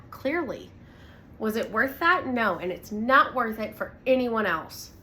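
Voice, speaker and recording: A woman's voice: a little high, bright, forceful tone, slight background noise. A young woman vlogger telling her own story in earnest, blunt, candid talk, with fillers and swearing. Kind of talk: candid direct-to-camera talk.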